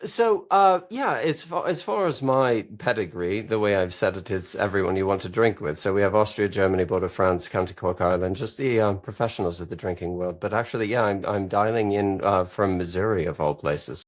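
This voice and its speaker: A man's voice: lowish voice, fairly quick, hardly any pauses. A man from Wisconsin with a Wisconsin accent, a guest in a casual podcast interview, joking and telling stories over a remote call. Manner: lively, joking storyteller.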